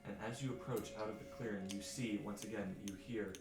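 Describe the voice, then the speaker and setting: A low-pitched man narrates a tabletop game as game master, building descriptions piece by piece with pauses. The room is echoey, and music plays clearly behind him. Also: steady tone. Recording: roomy echo with music behind.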